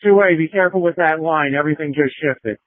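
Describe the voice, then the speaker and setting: A man's voice: a little high, quick pace, no room sound. A man working as a fire officer, giving clipped orders in fireground traffic over a two-way radio. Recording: tinny narrow-band fire radio.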